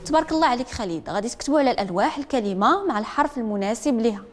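A woman's voice: fairly high pitch, animated, rapid-fire, slight background noise. A woman with a Moroccan Arabic accent teaching a literacy class, drilling pupils to repeat after her. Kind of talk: classroom lesson. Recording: echoey classroom with long reverb.

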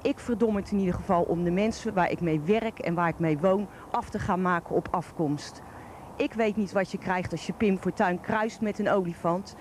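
A woman's voice: lowish voice, a little mellow. A middle-aged woman with a broad Rotterdam Dutch accent, reading an opinion column aloud in a blunt, colloquial, colourful manner. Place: outdoors on a park bench. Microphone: handheld microphone held close. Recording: faint outdoor background noise.

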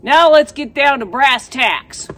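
This woman, a wilderness guide and show host, speaks in a high, lively voice at a slow pace over a very noisy background. Out in the snow, she casually shows off gear and tells a story in a plainspoken, folksy way, recorded on a camera mic that is sometimes handheld.

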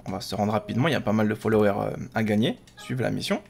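A man's voice: fairly low pitch, animated, racing, gravelly, slightly rough, faint music behind. A man hosting a gaming video with casual, chatty commentary, often talking to himself.

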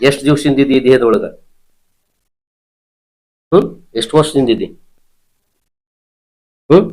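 A man's voice: mid-range voice, expressive, measured pace, darkish tone, rough recording. A man leads a ritual session as a spirit healer. He presses with short commands and questions, repeating them again and again without letting up. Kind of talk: ritual interrogation.

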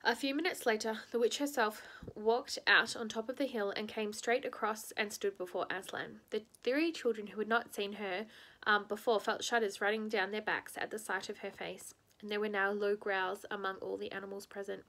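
A woman's voice: medium pitch, steady tone, normal speed, a bit bright. Woman reader, casual read-aloud of a children's book, stumbles and restarts often. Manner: unpolished, frequent ums and restarts.

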